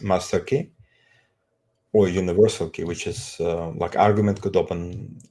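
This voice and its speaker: A middle-aged man with an Azerbaijani accent introducing himself conversationally, speaking haltingly in non-native English phrasing. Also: sits low, steady tone, dark tone. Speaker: street evangelist, co-presenter.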